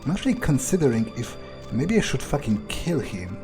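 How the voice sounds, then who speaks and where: Over game music, a gamer plays in character, musing aloud with lots of swearing and hesitant phrasing. His medium-pitched voice is very animated and a little fast.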